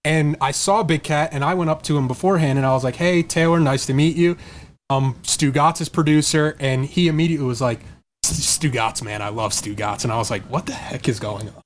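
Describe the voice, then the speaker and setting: Wry young male producer, a bit high. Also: fairly quick, slight background noise. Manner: affirming, wry storytelling. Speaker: producer and co-host. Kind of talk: casual chat.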